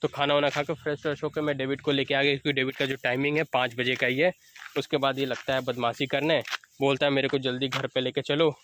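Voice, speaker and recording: A man's voice: medium pitch, little pitch movement, fast, fairly bright tone, a little hiss or hum. A young man walking his dog outdoors, chatting casually as he explains training tips and calls to the dog. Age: young adult. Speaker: dog owner vlogger. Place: outdoors on an evening walk by fields.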